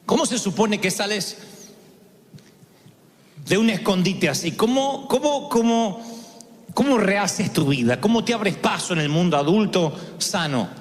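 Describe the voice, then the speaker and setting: High-voiced Argentine pastor in a reverberant hall. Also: male voice, expressive, moderate pace. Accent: Argentine Spanish. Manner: dramatic storytelling, acts out quoted voices. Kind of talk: sermon.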